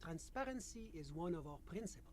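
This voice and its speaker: An actor playing a prim, unflappable male financial official with a French accent and a measured, bureaucratic delivery. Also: a little high, lively intonation, a little mellow, slight background noise, natural voice. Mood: composed.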